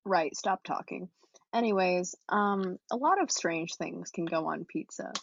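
A woman's voice: lowish voice, a little slow, creaky, lo-fi sound, a little hiss or hum. A woman co-hosting a podcast in casual chat, teasing her partner with dry quips. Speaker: podcast co-host.

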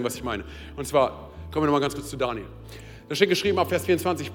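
A man preaching a sermon in a casual, direct way, often calling out to the listener and building to urgent peaks. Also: long reverb tail. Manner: casual, direct, keeps saying hey and oder; builds to loud, high-pitched urgency. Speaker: pastor. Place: church service.

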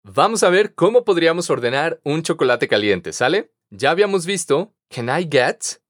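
Lively, encouraging man teaching. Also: on the high side, dry recording, clean studio sound. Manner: patient, encouraging, models words slowly for repetition. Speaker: pronunciation teacher. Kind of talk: podcast language lesson.

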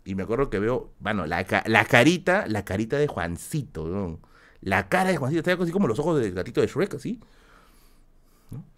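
A man's voice: lowish voice, sing-song, a little fast, fairly bright tone. A young man with a Peruvian Spanish accent telling a story in casual podcast talk, slangy and acting out quoted voices. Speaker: podcast host.

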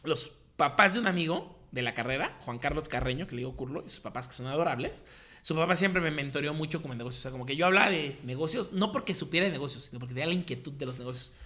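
A man's voice: on the high side, lively intonation, quick pace, pushed and bright. A man in his thirties with a Mexican accent, telling his story in slangy casual chat and acting out the voices of people he quotes. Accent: Mexican Spanish.

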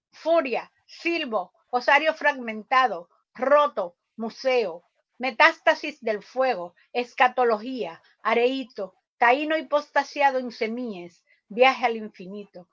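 A woman reciting a poem slowly and dramatically, with rising repeated questions, over a video call. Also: fairly high pitch, a bit bright. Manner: slow, incantatory, dramatic rises on repeated questions. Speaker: poetry reader. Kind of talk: slow dramatic poetry recitation. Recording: dull lo-fi online call audio.

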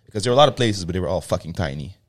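A man's voice: low voice, lively intonation, very fast, dry recording. A young man, a gym co-founder, telling a loose, swearing story in a casual podcast chat.

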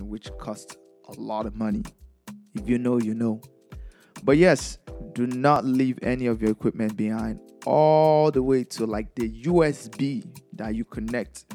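A man's voice: mid-range voice, darkish tone. A man from Nigeria with a Nigerian accent, a DJ giving casual, chatty advice in a vlog and laughing often.

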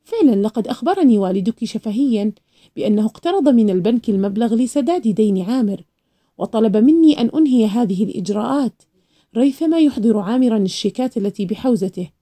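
A woman voicing a calm, loyal company manager explaining past dealings. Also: fairly high pitch, fast talker.

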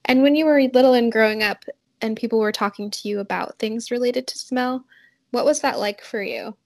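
Higher-voiced woman podcast host. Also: steady tone, normal speed, no echo. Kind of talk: intro read and interview questions.

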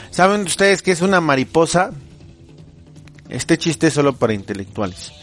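A man's voice: on the high side, animated, a little slow, soft background music. A man with a Mexican accent, a teacher hosting a casual podcast, telling jokes in a playful way, full of slang and chuckling at his own punchlines.

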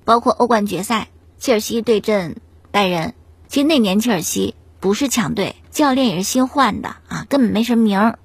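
A woman host telling a sports story in a chatty, animated way, often asking the listener rhetorical questions. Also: mid-range voice, fairly quick, breathy edge, dry recording. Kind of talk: casual storytelling commentary on football.

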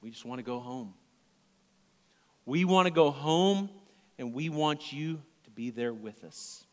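At a measured pace and in a medium pitch, an animated male pastor preaches in a large church hall. His earnest sermon swings between loud emphasis and hushed, near-whispered delivery.

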